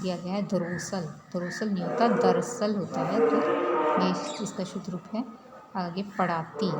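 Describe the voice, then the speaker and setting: Woman teacher talking through a grammar worksheet. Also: fairly low pitch. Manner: steady, step-by-step explanation with repeated checks. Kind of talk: explaining a school grammar worksheet. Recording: echoey room with loud background noise.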